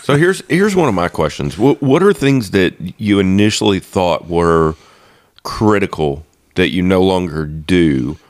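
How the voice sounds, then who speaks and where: Very deep-voiced man, dry sarcasm. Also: lively intonation, measured pace, dry recording. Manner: asks questions, dry sarcastic remarks. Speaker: podcast co-host. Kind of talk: casual podcast chat.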